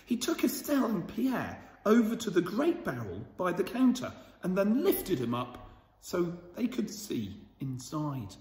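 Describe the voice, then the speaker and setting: Storyteller, gentle and chatty with children; somewhat high voice; roomy sound with a long reverb. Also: male voice, wildly swooping pitch, unhurried. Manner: gentle, chatty, asks the listeners questions. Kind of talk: reading a picture book aloud to children.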